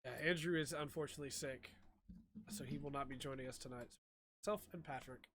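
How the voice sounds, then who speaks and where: A man's voice: mid-range voice, a little fast, fairly bright tone, a little hiss or hum. A man hosting a casual podcast chat, his voice slightly weak after an asthma attack. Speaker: podcast host.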